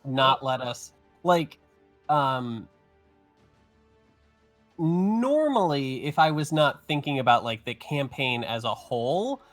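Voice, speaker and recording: A man's voice: mid-range voice, lively intonation, slow, long pauses, fairly bright tone, faint music behind. A man running an online tabletop game, chatting casually with his players and filling his talk with "like" and "um". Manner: rambling, fills speech with "like" and "um". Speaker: game master. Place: online voice chat.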